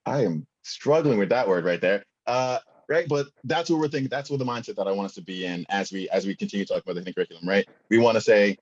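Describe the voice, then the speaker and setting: A man's voice: on the low side, quick pace, hardly any pauses, darkish tone, highs cut off. A young man presenting a conference workshop, talking casually with many fillers and asking the audience questions.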